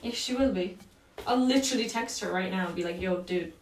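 A young woman with a slightly high voice chats casually on a podcast, rambling and joking through her notes and swearing freely. She sits a little away from the mic in an echoey room, so her voice sounds distant. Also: fast talker, slight background noise. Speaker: podcast host.

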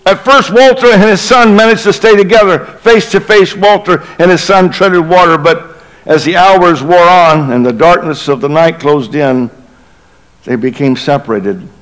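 A middle-aged man preaches as a bishop at a Christmas Eve service, telling a story with drama. His voice sits somewhat high for a man. At the tense moments he drops to a hushed, low delivery. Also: normal speed, low-quality recording.

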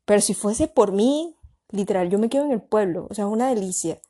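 A young woman with a Colombian Caribbean coastal accent, chatting casually and explaining things in a lively, colloquial way. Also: mid-range voice, a little fast. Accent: Colombian Caribbean (costeño). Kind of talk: casual chat.

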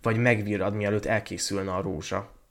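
A man's voice: lowish voice, little pitch movement, natural voice. A man voicing a rose tree that calls out urgently to a bird. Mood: urging. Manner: calling out urgently. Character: urging old rose tree.

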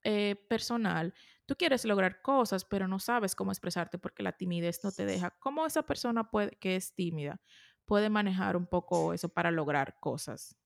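A woman hosting a casual conversation, asking questions and telling anecdotes in a lively way. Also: medium pitch, moderate pace, vocal fry. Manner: animated storytelling with laughs. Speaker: host. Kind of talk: casual interview chat.

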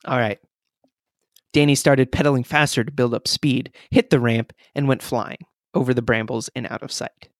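A man's voice: mid-range voice, steady tone, normal speed, vocal fry, no echo, studio quality. A man co-hosting a podcast, reading a friend's story aloud and teasing him between passages. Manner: teasing, joking. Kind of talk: casual reading with banter.

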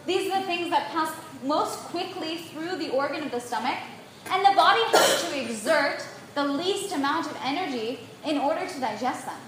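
A woman with a high, bright-pitched voice lectures on nutrition to a live audience. She speaks emphatically and keeps checking in with her listeners. The sound bounces heavily around a reverberant room, with a faint hiss underneath. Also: moderate pace. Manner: emphatic and animated. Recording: very echoey room.

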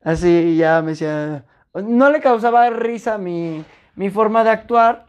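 A young woman with a Mexican accent and a soft, mellow tone. She tells stories in lively, slangy chat and slips into other people's voices to act out their lines. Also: mid-range voice, measured pace, muffled recording. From Puebla, Mexico. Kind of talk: casual chat, storytelling.

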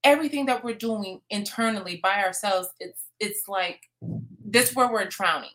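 A woman's voice: mid-range voice, normal speed, fairly bright tone. A woman co-hosting a motivational talk, earnestly giving practical advice. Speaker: co-host.

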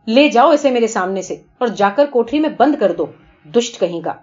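A woman's voice: mid-range voice, lively intonation, darkish tone, soft background music, close to an everyday voice. A woman reading as a stern scolding father. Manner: scolding, commanding. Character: stern irritable father, middle-aged man. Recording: dull lo-fi recording.

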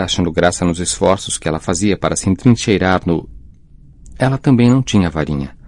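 A man narrating a fantasy audiobook in a measured, dramatic reading voice on a close mic. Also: low-pitched, a little mellow, no room sound.

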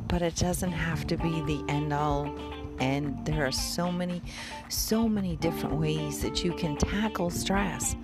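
A woman's voice: deep voice, measured pace, loud music behind the voice. A woman hosting a motivational podcast, speaking directly and conversationally to her listeners. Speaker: podcast host.

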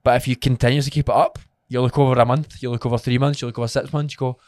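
A man's voice: mid-range voice, flat delivery, rapid-fire, a little mellow, no echo, studio quality. A man with a broad Scottish accent co-hosting a fitness podcast as a trainer, chatting casually, blunt, sweary and encouraging.

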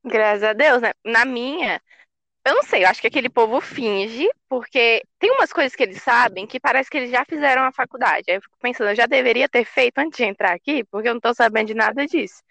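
Young woman student, kinda high and creaky, candid and fed up, dry sound. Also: fast talker, pushed and bright, no room sound. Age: young adult. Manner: candid, exasperated, frank. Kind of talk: casual chat.

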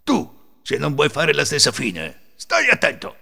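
A man's voice: on the high side, wildly swooping pitch, a little slow, vocal fry, sharp tone, in a large hall, pitched above the performer's own voice, exaggerated voice. A man voicing bad-tempered male thieves, raised and menacing, in a storytelling reading. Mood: threatening.

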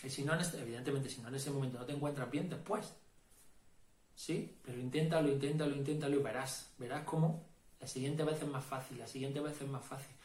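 A man talks a listener through meditation in a relaxed, coaching tone. He is reassuring and emphatic, repeating his key phrases, and his voice sits at an ordinary pitch. The recording has a roomy echo around him. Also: fairly quick. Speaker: meditation teacher. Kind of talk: informal spoken teaching.

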